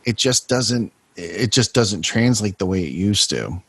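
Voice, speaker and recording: A man with a lowish voice talks with a guest's ease on a casual podcast, in short bursts of thought. The sound is dry and close, with no room around it. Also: animated, measured pace, fairly bright tone, breathy edge, no echo. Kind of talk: casual chat.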